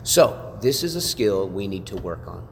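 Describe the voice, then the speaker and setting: A man teaching a class like a sermon, animated and full of rhetorical questions and tag questions. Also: low voice, unhurried, vocal fry, long reverb tail, a little hiss or hum. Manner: animated, asks rhetorical questions, frequent "right?".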